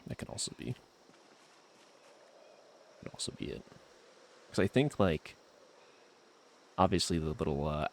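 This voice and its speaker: Low-pitched with vocal fry, this man's voice carries over a little hiss or hum as he streams a video game. His commentary is casual, laid-back rambling self-talk full of trailing fillers.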